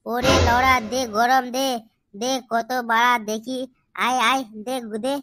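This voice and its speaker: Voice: mid-range voice, level tone, unhurried, over music, natural voice. A performer voicing a hot-headed, swaggering young man in a comedy cartoon, foul-mouthed. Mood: angry.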